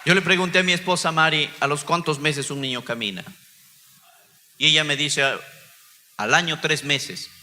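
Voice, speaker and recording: High, bright-voiced pastor preaching. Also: male voice, normal speed, pauses often, big-room sound, slight background noise. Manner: impassioned preaching, voice swelling and dropping. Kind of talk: sermon testimony.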